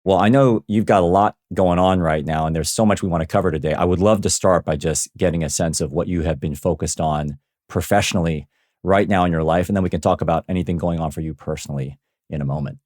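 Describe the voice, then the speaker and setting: A man's voice: low voice, quick pace, a little mellow, no echo, clean studio sound. A man hosting a career podcast and asking his guest questions. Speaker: podcast host. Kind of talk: interview podcast.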